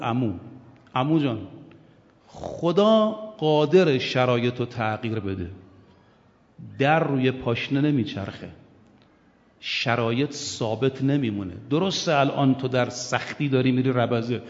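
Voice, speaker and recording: An older man preaches with fire, his voice set a little high, asking questions of his listeners and chanting quotations. The sound is dull and muffled, and it rings with the long echo of a big hall. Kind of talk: religious sermon.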